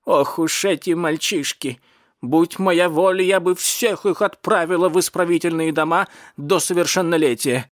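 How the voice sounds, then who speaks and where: Male reader voicing an indignant older cat woman, shrill and fussy. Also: moderate pace, dry recording, studio quality, close to an everyday voice. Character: fussy old woman who loves cats.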